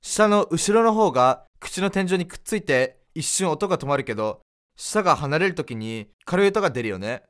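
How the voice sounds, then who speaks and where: A co-presenter in a pronunciation lesson who explains and repeats words in a lively, expressive way. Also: mid-range voice, normal speed.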